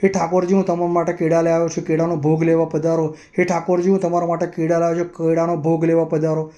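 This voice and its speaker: A humble, poor temple sweeper pleads earnestly in a slightly raised, mellow voice, as a male storyteller speaks his lines. The delivery stays close to the reader's everyday speech. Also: fairly high pitch, completely flat delivery, quick pace, muffled recording, lightly acted.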